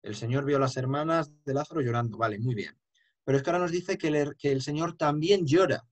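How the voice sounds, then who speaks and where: This chant teacher talks fast, and his voice is on the high side. His emphatic, explanatory lecture is dotted with short sung examples.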